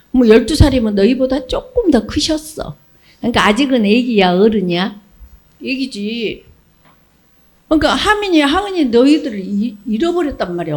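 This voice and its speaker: Lively high-voiced woman preaching to kids. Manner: animated storytelling, acts out characters, asks children questions. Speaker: children's pastor. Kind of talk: children's sermon.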